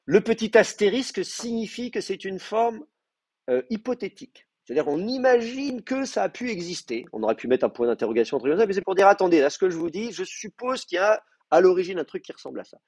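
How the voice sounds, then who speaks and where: Husky man giving a rambling lecture. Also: high voice, expressive, brisk, a little mellow, no echo. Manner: digressive, many fillers and restarts, explains patiently. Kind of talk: university lecture. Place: classroom.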